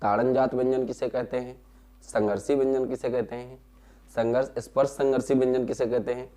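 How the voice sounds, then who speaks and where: A male teacher gives a classroom lesson at a measured pace. He sounds out syllables one at a time and repeats each key term. He often asks a question and answers it himself. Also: mid-range voice, little pitch movement, warm tone. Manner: explains slowly, repeats key terms and answers his own questions.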